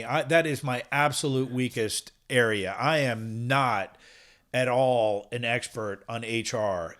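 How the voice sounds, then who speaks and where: A middle-aged man hosting a podcast, asking long rambling questions in a friendly, casual way. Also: medium pitch. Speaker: podcast host. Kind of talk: casual interview chat.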